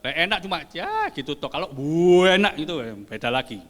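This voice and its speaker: An older man preaching a sermon as pastor, lively and joking with the congregation. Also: fairly high pitch, a little fast. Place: church hall. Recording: long church hall reverb.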